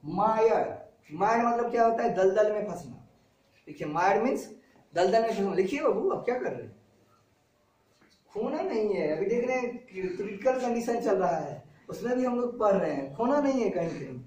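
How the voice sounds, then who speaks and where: A man with a high voice teaches a class, repeating every word and meaning and drilling his students with questions. He is recorded from a distance in a very echoey classroom. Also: animated, normal speed, darkish tone, slight background noise. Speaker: vocabulary teacher.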